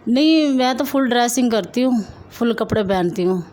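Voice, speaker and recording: High-voiced woman, a dancer under questioning. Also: lively intonation, darkish tone. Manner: defensive and irritated when pressed. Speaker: dancer being interviewed. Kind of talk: street interview.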